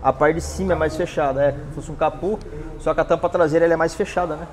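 A man's voice: fairly high pitch, steady tone, quick pace. A Brazilian man in his forties with a lapel mic, teaching a hands-on dent repair class in a large workshop, explaining and pointing at a car. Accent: Brazilian Portuguese. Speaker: paintless dent repair instructor.

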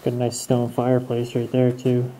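A man's voice: medium pitch, completely flat delivery, normal speed, mellow, a little hiss or hum, low-quality recording. A young man casually narrating a walk through an empty abandoned house, thinking aloud and laughing easily while wearing a respirator. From Canada. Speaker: urban explorer host. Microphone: camera mic, wearing a respirator mask.

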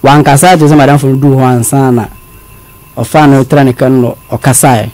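A man from Ghana telling his story as a guest, halting and repeating words, mixing in English phrases. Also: medium pitch, steady tone, a little mellow, no echo. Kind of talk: confessional storytelling.

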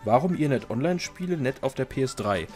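A man's voice: mid-range voice, lively intonation, quick pace, a little mellow, soft background music. A young man casually chatting while playing and answering viewer questions, joking at his own expense. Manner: chatty, self-mocking, jokey. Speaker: let's play host. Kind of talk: casual gaming commentary.

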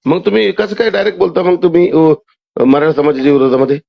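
A man's voice: a little high, level tone, fast, creaky. A man, talking insistently as a caller over a telephone line and pushing in over the other person. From Maharashtra, India. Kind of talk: argumentative phone conversation. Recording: muffled phone call audio.

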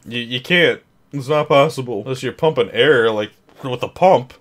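A man's voice: mid-range voice, moderate pace. A man in his thirties reacting to and reviewing a film casually, tipsy, sarcastic and prone to swearing. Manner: tipsy, as if drinking while talking. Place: small home room, desk setup.

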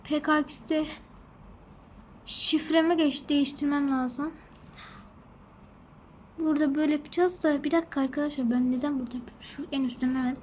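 A woman's voice: sits high, steady tone, moderate pace, long pauses, slight background noise. A woman hosting a gaming channel, talking to her viewers in a fretful, rambling way as she plays. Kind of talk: casual gameplay commentary.

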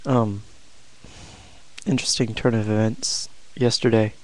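A young adult man chatting casually to a vlog audience in a flat, low-energy, hesitant way with long pauses. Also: low-quality recording. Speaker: video blogger.

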